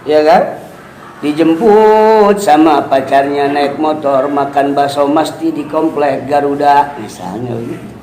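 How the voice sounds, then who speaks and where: Male teacher, talking slowly and chattily to students; echoey room, faint background noise. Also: on the high side, darkish tone. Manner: chatty, asks "ya kan?" often, acts out quoted voices with laughs. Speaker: Islamic teacher giving a kitab study. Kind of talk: casual religious lesson to students.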